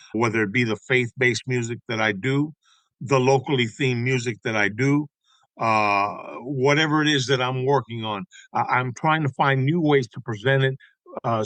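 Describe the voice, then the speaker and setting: Male guest, 60s, from Tampa, animated storyteller, mid pitch, dry close sound. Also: dry recording, low-quality recording. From Tampa, Florida. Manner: animated storyteller, tags points with "okay?". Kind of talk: conversational interview storytelling.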